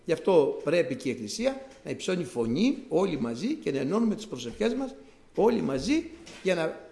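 A man's voice: fairly high pitch, gravelly, darkish tone, echoey room. A man preaching a sermon to his congregation, explaining scripture conversationally and repeating key words for emphasis.

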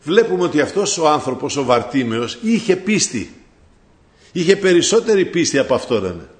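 A man preaching a sermon, addressing his listeners as brothers, fervent and rising to loud cries when he quotes. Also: a little high, very animated.

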